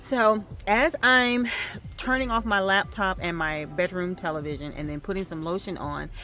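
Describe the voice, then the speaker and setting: A middle-aged woman vlogging to camera, telling a story in a chatty, animated way with plenty of fillers. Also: fairly low pitch, moderate pace, faint music behind.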